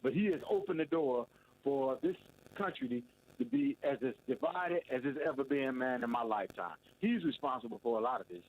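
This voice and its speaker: Male radio co-host, mid pitch, tinny phone-line sound, measured and reflective. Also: lively intonation, vocal fry. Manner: measured, reflective, says "man" often. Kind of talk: casual radio talk.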